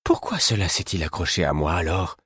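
A man's voice: low voice, expressive, a little fast, a bit bright, husky, no room sound, clean studio sound, full character voice. A man voicing a plaintive, wounded jester.

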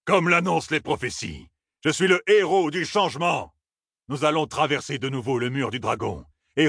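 A man voicing a boastful warlord, husky and lively. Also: fairly high pitch, dry recording, studio quality, voice pushed up, heavily acted. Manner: boastful, declaiming. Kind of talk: audiobook character voice.

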